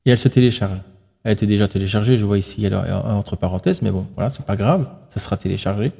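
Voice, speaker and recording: A man's voice: on the low side, fast, creaky, warm tone, breathy edge. A man hosting a tech tutorial, talking casually through each step on screen, thinking aloud with fillers and self-corrections.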